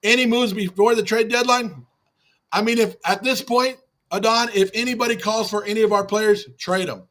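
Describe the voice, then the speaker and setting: A man with a high, slightly bright voice hosts a fan channel livestream after a game. In this postgame rant he reads chat comments and answers them, getting emotional and repeating himself.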